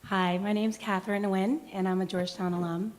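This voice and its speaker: A hoarse woman who has lost her voice asks a question from the audience, friendly and a little hesitant. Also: mid-range voice, steady tone, brisk, background noise. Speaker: audience member asking a question. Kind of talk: asking a question at a talk.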